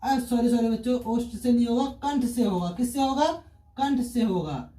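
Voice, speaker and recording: A man's voice: extremely high pitch, normal speed, dark tone. A male teacher, giving an online grammar lesson. He asks questions and answers them himself, repeating key terms. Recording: roomy echo, distant from the mic.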